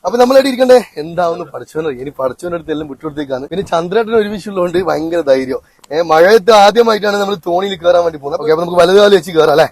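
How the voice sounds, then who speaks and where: A man's voice: high voice, expressive, very fast. A man with a north Kerala Malayalam accent, chatting casually as a vlog host, mixing in English slang and talking familiarly to viewers and locals. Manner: colloquial, with English slang words mixed in. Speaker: vlogger, host. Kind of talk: casual excited vlog chat with questions to locals. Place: outdoors by a river and in a boat.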